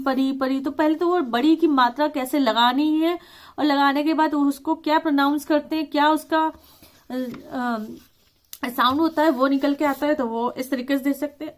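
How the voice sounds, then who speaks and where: High-voiced woman explaining a lesson. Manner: slow, deliberate word reading with stressed syllables; casual mix of English words in her talk. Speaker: teacher.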